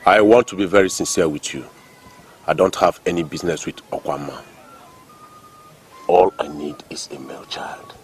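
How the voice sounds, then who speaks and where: A man's voice: low voice, brisk, faint music behind, close to an everyday voice. A man with a Nigerian accent playing a stern, demanding king in a film drama, speaking in a commanding, declamatory way. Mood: stern, insistent. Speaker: actor.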